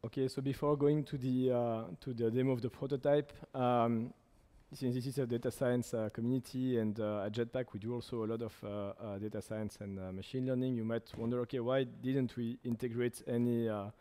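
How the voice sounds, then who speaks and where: A young man giving a meetup presentation, halting often with "uh" fillers. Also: medium pitch, steady tone, warm tone. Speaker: startup presenter. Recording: reverberant hall sound.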